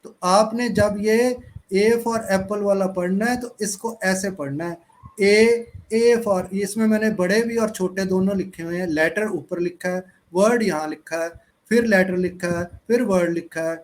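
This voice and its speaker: A man teaching English in an online class, speaking slowly and spelling out words letter by letter. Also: high-pitched. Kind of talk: online class lecture mixing Hindi and English.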